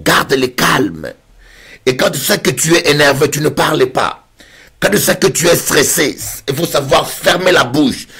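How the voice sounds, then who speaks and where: A man's voice: medium pitch, vocal fry, breathy edge. A man with a French Caribbean accent preaching a sermon, telling a funny story and acting out the voices in it. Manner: animated, acts out voices in anecdotes. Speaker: pastor.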